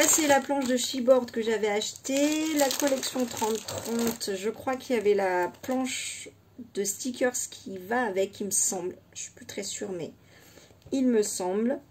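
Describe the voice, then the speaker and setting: A woman presents her scrapbooking project in a casual show-and-tell. Her voice sits a little high, and she speaks at a slow, unhurried pace. She thinks aloud and hesitates as she holds up each item, with faint noise under her speech. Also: darkish tone. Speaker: scrapbooking vlogger.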